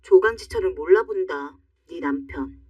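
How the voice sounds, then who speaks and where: A woman voicing a sympathetic female friend who speaks in a soft, reassuring way. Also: fairly low pitch, moderate pace, slightly rough, no echo, recorded from a distance, dull audio.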